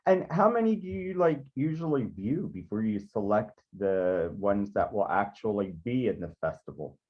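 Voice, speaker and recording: A man's voice: lowish voice, lively intonation, normal speed. A man interviewing a guest in a casual chat, asking questions and adding short encouraging remarks. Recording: dull lo-fi sound.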